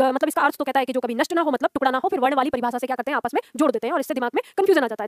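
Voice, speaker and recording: A woman gives a grammar lecture to her students, her voice fairly high and her delivery brisk. She explains point by point and keeps checking that the class is following. The sound is dry and close. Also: no room sound. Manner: explains step by step, asks students checking questions. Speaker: Hindi grammar teacher.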